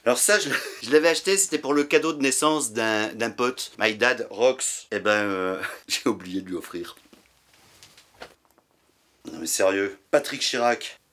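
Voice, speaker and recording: A man chatting casually in a vlog while clearing out a closet at home, rambling, swearing and poking fun at himself. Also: mid-range voice, measured pace, fairly bright tone, slight background noise. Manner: rambling, swearing, self-mocking. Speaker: YouTuber. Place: cluttered apartment, clearing a closet.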